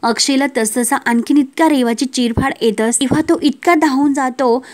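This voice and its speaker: High-voiced woman recapping a serial. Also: normal speed. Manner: retells plot, quoting characters in turn. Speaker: episode reviewer.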